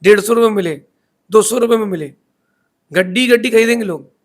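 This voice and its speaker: A man's voice: high voice, a little fast. A man giving a sermon in a preachy storytelling manner, asking rhetorical questions as a spiritual teacher.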